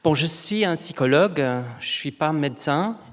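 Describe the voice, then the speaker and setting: A middle-aged man, a native English speaker with a foreign English accent in French, giving an informal conference talk and haltingly searching for words. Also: on the high side. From England. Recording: long hall reverb.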